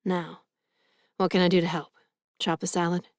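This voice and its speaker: A woman reading the lines of an affectionate boyfriend who is warm and self-deprecating in an audiobook. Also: lowish voice, little pitch movement, moderate pace, no room sound, clean studio sound, lightly acted. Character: affectionate boyfriend, gently teasing.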